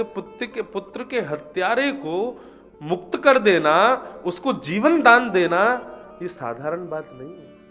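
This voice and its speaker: Animated high-voiced male scripture storyteller. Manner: animated telling, voices the characters, chants verses. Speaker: devotional storyteller.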